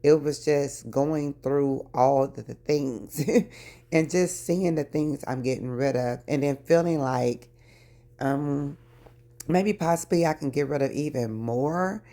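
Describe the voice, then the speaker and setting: A woman's voice: low voice, slow pace, mellow. A middle-aged woman vlogging casually as she declutters, chatty and talking straight to her viewers in her early morning voice. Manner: chatty, addresses viewers as y'all. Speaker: lifestyle vlogger. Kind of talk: casual chat while decluttering.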